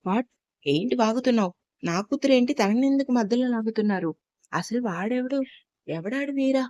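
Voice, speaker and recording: A proud wealthy businessman, indignant and shouting back, in a storybook reading, as a woman narrator puts him on. The voice is mellow and dry, close to the mic. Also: fairly high pitch, lively intonation, normal speed, no echo, muffled recording, lightly acted. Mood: angry.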